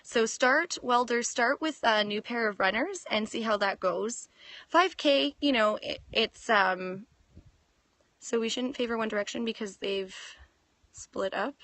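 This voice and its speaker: A woman's voice: a little high, measured pace, bright, forceful tone, dry recording. A woman in her thirties from Canada, hosting a casual fitness livestream, reading viewer comments and laughing often. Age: 30s. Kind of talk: casual live Q&A. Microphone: phone.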